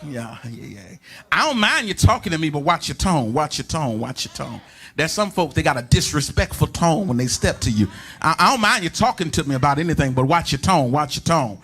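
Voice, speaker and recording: A male pastor, preaching a sermon in a church in a sing-song cadence that builds into shouted, chanted lines, repeating phrases for the congregation to answer. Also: a little high, big pitch swings, a little fast, slightly rough. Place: church sanctuary.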